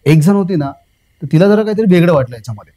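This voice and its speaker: A young man recounting something that happened to him in casual storytelling, repeating himself, filling pauses with "uh" and calling the host sir. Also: high-pitched, expressive, dark tone, low-quality recording. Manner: rambling, repeats phrases, fills pauses with "uh", addresses the host as sir. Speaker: guest recounting a personal experience.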